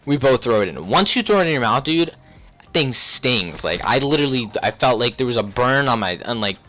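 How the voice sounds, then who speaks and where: A man's voice: medium pitch, big pitch swings, a little fast, a bit bright. Young man in casual, slangy storytelling mode. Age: young adult. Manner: rambling, slangy, frequent throat clearing. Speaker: video creator.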